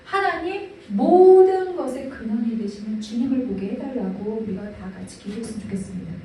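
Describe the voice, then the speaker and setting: A woman pastor preaching a sermon with expressive delivery, speaking prayers aloud as she goes. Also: on the high side, fairly quick, a little hiss or hum. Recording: echoey hall from a distance.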